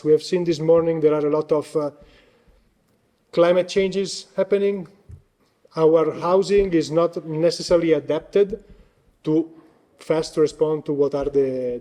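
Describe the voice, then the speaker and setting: This man, Italian by first language, is the guest speaker at a conference presentation, his voice giving out as he speaks hesitantly with many fillers. He has a warm voice on the high side.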